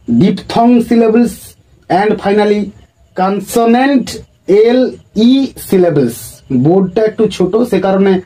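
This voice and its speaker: A man teaching English grammar at a board, explaining in Bengali and reading English definitions slowly, calling viewers "friends". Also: high voice, dark tone, poor audio. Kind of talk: classroom lesson at a board.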